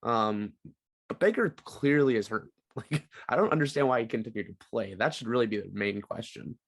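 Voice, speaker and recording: A young man talking sports in a relaxed podcast chat, voice at an ordinary middle pitch. He fills pauses with ums and laughs easily while giving his picks. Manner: laid-back, frequent ums and laughs. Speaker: podcast co-host.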